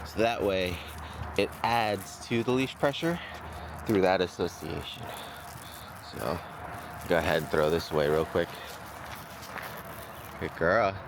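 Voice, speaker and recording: Low-voiced male dog trainer, noisy outdoors. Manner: informal, thinking aloud, checking with "right?". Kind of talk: explanatory dog training demonstration, casual.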